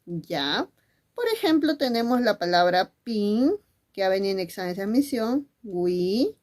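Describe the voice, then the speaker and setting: A woman teacher at medium pitch walks through a spelling lesson. She poses questions and answers them herself, and she calls her pupils endearing names. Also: sing-song, measured pace, a little mellow.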